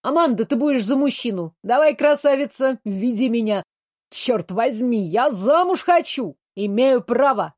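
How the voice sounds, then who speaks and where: Женщина изображает грубоватую ворчливую принцессу. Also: female voice, a little high, lively intonation, a little slow, darkish tone, no room sound. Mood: brash. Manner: brash, swearing, grumbling. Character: coarse blunt woman in a princess's body.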